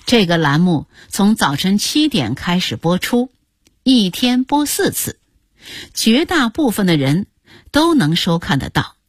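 Slow, husky older woman telling a story. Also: mid-range voice, no echo, studio quality. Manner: expressive, acts out the story. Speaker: narrator. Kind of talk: memoir storytelling on radio.

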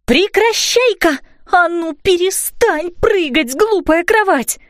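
A woman reading a storybook aloud voices a fairy mother who calls out slow, emphatic commands and exclamations. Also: very high-pitched, lively intonation, no room sound, clean studio sound, pitched above the performer's own voice, exaggerated voice. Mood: fretful. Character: kind fairy mother, flustered and gentle.

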